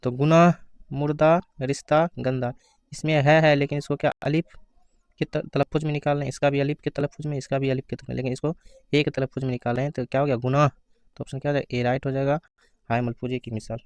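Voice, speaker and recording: A man giving an exam-prep grammar lesson, asking questions and answering them himself, reading out the answer options slowly. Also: mid-range voice, flat delivery, a little mellow, clear, resonant tone, no echo. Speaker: teacher.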